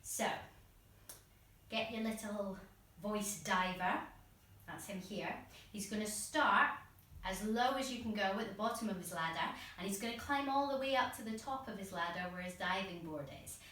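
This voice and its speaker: Speaking at a moderate pace in a medium-pitched, fairly bright voice, a woman leads a workshop with encouraging, step-by-step guidance and demonstrates while she explains. The mic sits far from her, picking up heavy room echo.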